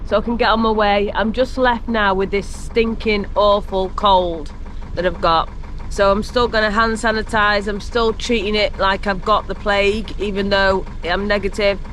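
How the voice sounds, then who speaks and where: There is slight background noise as a woman with a mid-range, somewhat bright voice vlogs about living on a narrowboat along a canal. Her chat is casual and self-mocking, full of laughter, and her nose sounds blocked by a cold.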